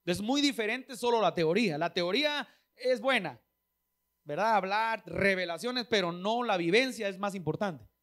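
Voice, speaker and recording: A man's voice: sits high, lively intonation, moderate pace, a bit bright. A man preaching a conversational sermon, often checking in with the congregation and singing short bits of old hymns. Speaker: pastor.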